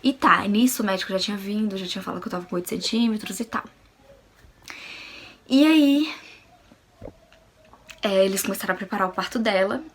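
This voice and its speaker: A young woman from Brazil, a vlogger, telling a personal story in a casual, animated way and acting out the voices of others. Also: mid-range voice, brisk, long pauses, slight background noise. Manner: animated, acts out quoted voices.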